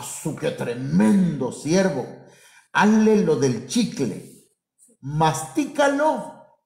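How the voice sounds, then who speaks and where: A man's voice: high-pitched, a little mellow, echoey room. A man, a pastor, preaching a sermon full of rhetorical questions and acted-out quotes.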